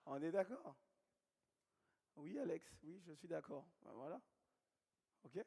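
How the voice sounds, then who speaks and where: A high-voiced man with a Guadeloupean accent leads a sales training seminar. He drives his points home by repeating them and firing questions at the audience. His voice rings out with the long reverb of a large hall. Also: animated, slow, creaky, mellow, breathy edge. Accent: Guadeloupean French. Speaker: network marketing trainer.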